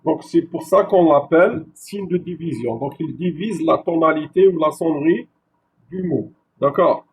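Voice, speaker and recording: A male university lecturer giving a classroom lecture, slow and repetitive, checking with his listeners after each point. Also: on the high side, a little hiss or hum, low-quality recording. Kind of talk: classroom lecture on French spelling.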